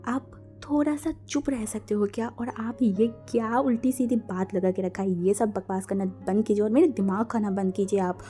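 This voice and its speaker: A woman's voice: mid-range voice, moderate pace, hardly any pauses, warm tone, faint music behind, natural voice. A woman voicing an irritated young man who snaps back coldly in a storybook reading. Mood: exasperated. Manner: cold, exasperated.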